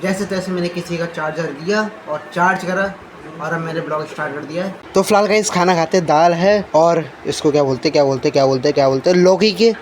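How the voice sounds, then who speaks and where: A man's voice: fairly high pitch, fairly quick. A man vlogging casually into a handheld phone at home and up on a rooftop. He rambles, repeats words and restarts his sentences as he chats. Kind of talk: casual vlog chat. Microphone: handheld phone camera. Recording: noisy outdoor ambience.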